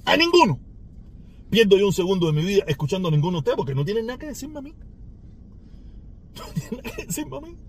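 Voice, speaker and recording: Taunting Cuban man, lively high voice. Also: quick pace, pauses often, slight background noise. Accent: Cuban Spanish. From Cuba. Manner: taunting, sarcastic, with mocking laughs. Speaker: podcast host. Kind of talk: mocking rant to a rival.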